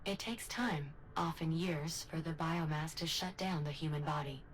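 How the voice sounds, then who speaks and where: A woman playing a calm, precise facility aide in a video game, speaking in a measured, formal way. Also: deep voice, slight background noise, natural voice, low-quality recording. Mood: matter-of-fact.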